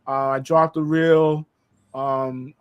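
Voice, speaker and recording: A man from Boston, Massachusetts, with a pseudo New York accent, guests on a casual podcast as a content creator while recovering from dental surgery. His fairly high, smooth voice has little pitch movement and goes slowly. He rambles loosely with lots of fillers, and the sound is lo-fi.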